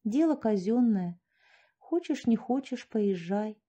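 A woman voicing a calm, weary village wife. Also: fairly high pitch, slow pace, muffled recording. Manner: quiet, calm replies.

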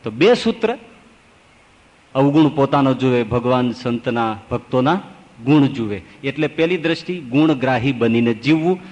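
A man who is a swami giving a scripture discourse, a folksy, animated storyteller. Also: medium pitch, normal speed, muffled recording. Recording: long hall reverb.

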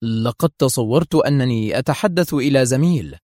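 A man's voice: medium pitch, normal speed, darkish tone, no room sound, studio quality, close to an everyday voice. A man voicing an irritable male intelligence officer who argues sharply and insistently. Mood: firm, agitated.

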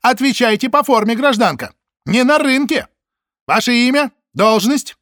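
A man's voice: very high voice, expressive, moderate pace, a bit bright, no room sound, studio quality, pitched above the performer's own voice. A man reading an audiobook voices a pompous, easily enraged male secret-police officer who shrieks officious orders.

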